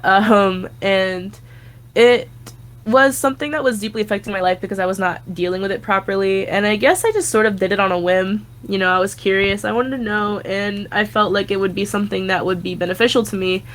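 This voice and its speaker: A young woman speaks over a remote call, her voice sitting in a middle pitch. She rambles loosely, full of fillers and casual swearing. A faint hiss of ambience sits under her. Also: a little fast. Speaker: guest psychic.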